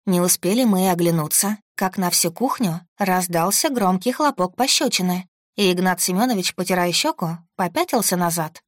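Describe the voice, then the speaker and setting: Casting note woman audiobook narrator, lowish, steady, close and dry. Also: moderate pace, no room sound. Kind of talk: scripted first-person narration.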